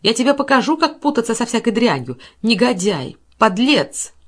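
A woman's voice: on the high side, sing-song, normal speed, voice pushed up. Woman reading as a shrieking jealous wife. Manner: screaming, shrieking curses. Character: jealous woman in a frenzied rage.

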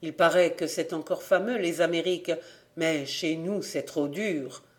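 A man reads an audiobook in a slightly high, natural voice at a measured pace. He voices a young son who has left the farm, sounding evasive, defensive and half-sheepish.

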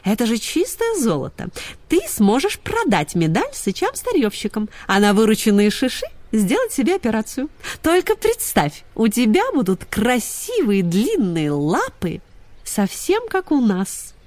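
A woman's voice: a little high, huge pitch swings, unhurried, a little mellow, no room sound. A woman voicing a sweet but condescending female greyhound who gushes patronizingly. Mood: gushing. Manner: gushing, patronizing.

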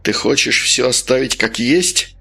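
A man's voice: mid-range voice, a little slow, gravelly, bright, forceful tone, husky, heavily acted. Man doing a stern, menacing sorcerer. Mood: stern, persuasive. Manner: stern, coaxing, harsh barks. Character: stern menacing male sorcerer, cruel, persuasive.

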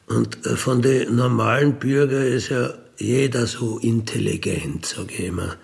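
Speaking with a Bavarian accent, a middle-aged man who calls himself a burglar rambles casually through first-person anecdotes. He sprinkles in colloquial tag questions and clears his throat along the way. His voice is mid-range and a little mellow.

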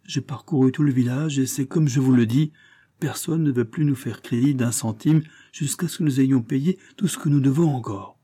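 A man's voice: mid-range voice, moderate pace, dark tone, husky, voice pushed up, lightly acted. A man voicing an agitated young male painter, emphatic and raised. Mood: alarmed. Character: excited young male painter Claude, indignant.

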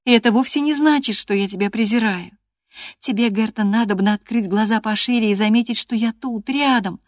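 A proud, stubborn young woman, as a female audiobook reader puts her on presses her point in a high, insistent voice. The recording is dry and close, with no room sound. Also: brisk, no echo, close to an everyday voice. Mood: indignant.

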